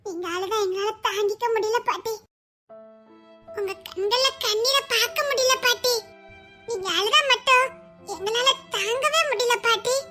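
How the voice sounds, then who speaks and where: A woman's voice: very high voice, a little slow, bright, forceful tone, soft background music, exaggerated voice. A woman playing a devoted young granddaughter who speaks with a Tirunelveli Tamil accent, pleading and adoring in a comedy skit.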